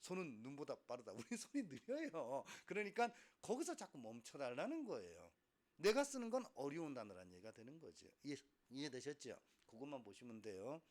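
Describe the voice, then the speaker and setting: A middle-aged man teaching a Korean language class, lecturing animatedly, acting out students and asking rhetorical questions. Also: fairly high pitch. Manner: animated, acts out students' voices, frequent laughter and rhetorical questions.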